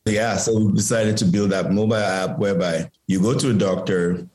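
Low-voiced man talking casually as a guest. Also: brisk, echoey room, rough recording. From Cameroon. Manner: relaxed, many restarts and "you know". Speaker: guest, pharmacist and founder. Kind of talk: casual interview.

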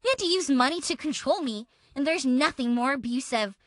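In a clean studio recording with no echo, a woman with a high, expressive, slightly bright voice briskly performs a dramatic reading of a text exchange. She voices an abusive, self-pitying woman's messages in an accusatory, aggrieved way, and the mood comes across as threatening and aggrieved.

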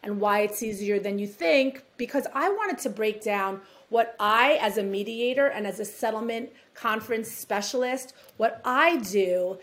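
A woman's voice: on the high side, unhurried, few pauses, fairly bright tone. A woman with a New York accent, a divorce mediator talking in a rambling, chatty way on a podcast interview. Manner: chatty, rambling, self-deprecating laughs.

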